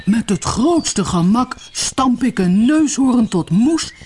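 Storybook villain: a woman playing a bragging caterpillar warrior, slow and booming, swinging pitch. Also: animated, darkish tone, a little hiss or hum. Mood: boasting. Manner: deep, slow, booming threats. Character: boastful caterpillar posing as a terrible male warrior.

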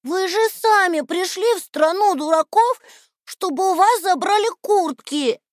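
A man's voice: sing-song, slow pace, a bit bright, dry recording, clean studio sound, heavily acted. A man voicing a stubborn, hot-tempered wooden puppet boy who pleads and protests. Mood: defiant. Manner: shrill, pleading and defiant.

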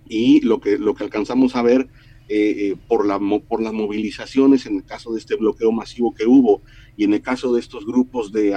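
Man from Mexico, middle-aged, earnest political commentator, halting repeats, mellow tone. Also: mid-range voice, highs cut off. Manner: earnest, repeats words while building his point. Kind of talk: radio interview commentary.

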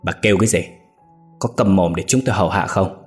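A cruel, scheming daughter-in-law, put on by a male narrator, sneering and sharp-tongued with a slightly raised voice. A storybook villainess full of mockery, faint music in the background. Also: deep voice, fast, close to an everyday voice. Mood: scolding. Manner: sneering, mocking.

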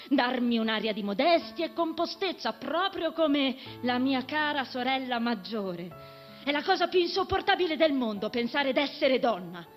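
A woman voicing a fiery, tomboyish teenage girl who talks in an impassioned, outspoken way. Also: sits high.

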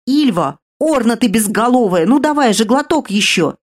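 A woman voicing a frantic younger sister in a storybook reading, pleading, sobbing and rambling in a raised, higher voice. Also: animated, brisk, darkish tone, natural voice. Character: frantic teenage younger sister, tearful and guilty.

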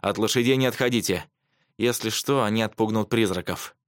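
A man voicing a calm schoolteacher giving steady instructions to pupils in an audiobook. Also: on the low side, a little fast, no room sound, clean studio sound, natural voice.

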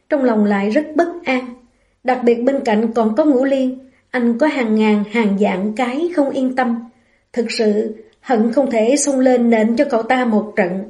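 A woman giving scripted novel narration as an audiobook narrator, in an even storytelling way. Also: fairly high pitch.

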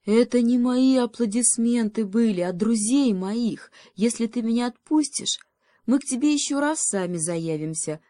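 A woman's voice: fairly high pitch, lively intonation, normal speed, dark tone, no echo, clean studio sound, voice pushed up, natural voice. A woman voicing an earnest, loyal young male beaver who pleads with his friends. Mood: pleading.

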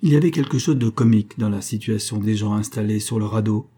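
A man narrates an audiobook with a low, dark, husky voice. He reads at a measured, even pace in a literary style.

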